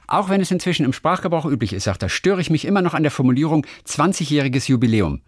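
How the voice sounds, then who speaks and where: Lively-voiced man in playful banter. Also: fairly high pitch, quick pace, no room sound, studio quality. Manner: playful, rambling, reads listener mail aloud. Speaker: podcast co-host. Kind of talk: casual chat.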